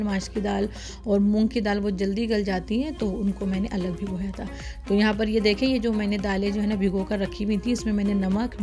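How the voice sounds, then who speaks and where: A woman with a mid-range, slightly mellow voice hosts a cooking channel, talking through each recipe step in a chatty, casual voice-over full of fillers.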